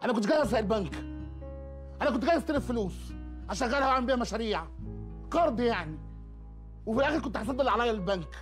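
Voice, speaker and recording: A man's voice: very high-pitched, animated, rapid-fire, pauses often, faint music behind. An actor playing a sly young man with an Egyptian accent, who stammers through defensive excuses to his mother in a film comedy scene. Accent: Egyptian Arabic. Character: young man, sly talker caught lying. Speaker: son caught at a bank.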